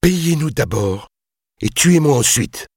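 A man's voice: fairly low pitch, sing-song, a little fast, slightly rough, no room sound, studio quality, voice pushed up. A man reading an audiobook, voicing a proud master builder who is frightened but stubbornly defiant and keeps a controlled tone. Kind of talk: audiobook character voice.

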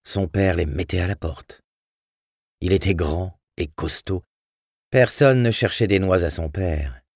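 A man reading a tense story aloud with dramatic, expressive narration. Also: deep voice, husky, dry recording, studio quality. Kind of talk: audiobook narration.

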